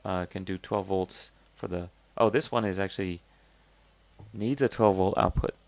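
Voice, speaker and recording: A man talks through a product review in a loose, rambling way, stopping and restarting as he thinks aloud. His voice sits a little low with a gravelly edge. The sound is close and dry, with no room around it. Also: steady tone, moderate pace, no echo. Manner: skeptical, conversational. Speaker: host reviewing crowdfunding products. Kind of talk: casual product review talk.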